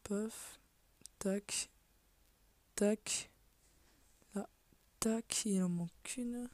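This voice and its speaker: A woman's voice: mid-range voice, very slow, darkish tone, dry recording. Casual muttering woman, half-whispered. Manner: mutters to herself, swears casually, often drops to a half-whisper. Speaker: gaming video creator. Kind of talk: casual let's play commentary.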